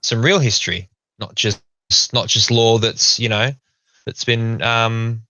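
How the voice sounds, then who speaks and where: A man co-hosting a livestream, talking casually on a gaming headset while he paints miniatures, with a relaxed, rambling manner. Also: mid-range voice, a little slow, lo-fi sound. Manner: relaxed, rambling, laughs often.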